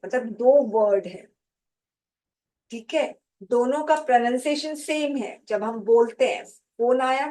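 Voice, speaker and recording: A woman with a somewhat high voice gives a classroom-style lecture to exam students. She speaks slowly and deliberately, and she repeats words and spells them out letter by letter. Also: darkish tone, low-quality recording. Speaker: English teacher for competitive exams. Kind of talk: slow classroom lecture, mixing Hindi and English.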